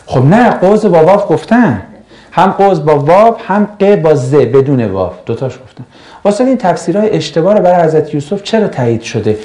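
This man from Mashhad answers viewers' questions as a religious teacher in a relaxed live chat. His voice sits a little high, with a soft, dark tone. He talks with animated, sarcastic swings in pitch. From Mashhad, Iran.

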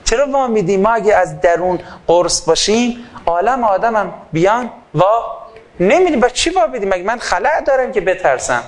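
A man giving an impassioned sermon into a microphone. He swings between loud fervor and quiet asides and acts out little dialogues. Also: high-pitched, expressive. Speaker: preacher.

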